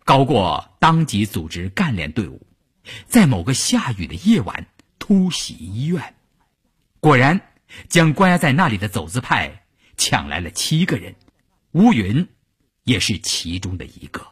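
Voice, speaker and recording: Husky man telling a spoken story. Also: mid-range voice, sing-song. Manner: measured, dramatic narration.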